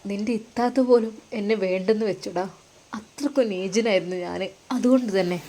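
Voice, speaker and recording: A woman's voice: mid-range voice, a little fast, warm tone, natural voice. Woman voicing a weeping remorseful older brother. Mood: pleading, tearful. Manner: pleading, broken and tearful.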